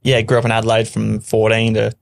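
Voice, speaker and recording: Aussie guy on a podcast, easygoing, chuckles a lot, a bit low voiced. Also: monotone, fast talker, gravelly. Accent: Australian. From Australia. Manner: easygoing, chuckles often, hesitant with fillers. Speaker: podcast guest. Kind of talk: casual chat.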